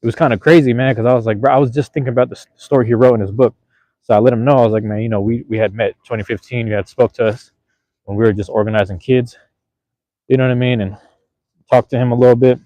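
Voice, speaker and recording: Out in light rain, a man livestreams on his phone camera, chatting loosely with viewers in a slangy, rambling way and repeating himself. His mid-range voice is warm and steady, moving fast, and the recording is dry.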